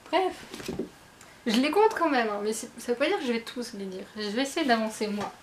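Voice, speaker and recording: A woman's voice: a little high, expressive, quick pace, background noise. A woman talking casually about her books to her viewers, chatty and self-mocking with lots of fillers and restarts. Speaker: book vlogger. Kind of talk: casual chat.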